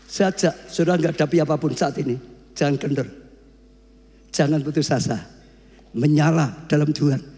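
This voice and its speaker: High-voiced man preaching a fiery sermon. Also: moderate pace, long pauses, long reverb tail. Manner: repetitive, rising to shouts, addresses congregation as "saudara". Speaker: pastor.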